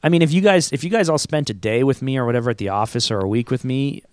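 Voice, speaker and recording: An agency owner who hosts a podcast answers interview questions in a fast, mid-range, slightly dark voice. His replies are casual and rambling, full of restarts and easy laughs. The sound is clean studio quality with no echo.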